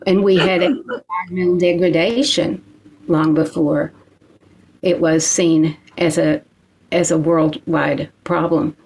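A middle-aged poet from Kentucky with a low voice. She reads and talks at an unhurried pace, with deliberate pauses between phrases. Her answers come in a measured, thoughtful way. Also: vocal fry, a little mellow, slight background noise, rough recording. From Eastern Kentucky. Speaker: poet and interview guest. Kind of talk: poetry reading and interview.

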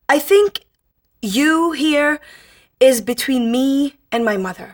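Soft-spoken Lebanese-born woman poet. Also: high-pitched, lively intonation, slow. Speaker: poet guest. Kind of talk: interview and poetry reading.

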